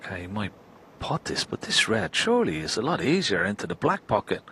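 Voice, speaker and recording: A man giving live snooker commentary in a hushed, understated way. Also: on the low side, huge pitch swings, a little fast. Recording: crowd ambience and background noise.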